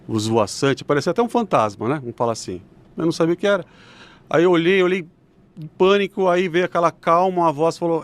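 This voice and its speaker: A young adult man telling a personal story in a relaxed, conversational way. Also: medium pitch. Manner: relaxed, conversational, uses fillers like "né". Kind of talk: casual storytelling.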